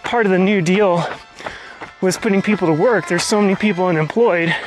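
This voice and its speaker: A man's voice: high voice, brisk, soft background music, poor audio. A man hosting a vlog, talking casually and explaining things as he goes, recorded outdoors on a trail. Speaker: vlog host.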